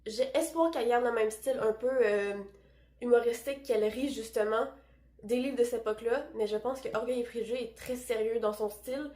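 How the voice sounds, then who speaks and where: A woman's voice: a little high, brisk, darkish tone, roomy sound. A young woman with a Québécois French accent, chatting enthusiastically about books she plans to read. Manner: chatty, enthusiastic, self-deprecating. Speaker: book vlogger. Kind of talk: casual book chat.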